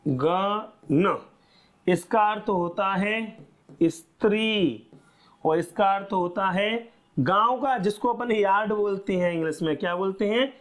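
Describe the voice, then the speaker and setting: A man's voice: high voice, moderate pace. A male teacher giving a classroom lecture, asking the class short questions and answering them himself.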